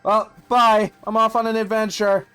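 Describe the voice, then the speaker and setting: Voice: medium pitch, little pitch movement, moderate pace, bright, forceful tone, clean tone, faint music behind. A streamer doing casual, joking commentary while playing a game.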